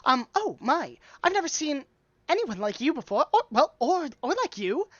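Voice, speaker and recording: A fussy, flustered dwarf seamstress bustles through her shop, her voice pitched high and loud in eager, breathless bursts, as a woman puts her on. The recording is a little dull, and the mic sounds dry and close. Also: big pitch swings, moderate pace, no echo.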